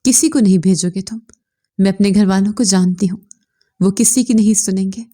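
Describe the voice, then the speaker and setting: A woman's voice: medium pitch, moderate pace, dark tone, lightly acted. A woman voicing a tearful, stubborn young bride. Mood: desperate, tearful. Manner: tearful, insistent pleading.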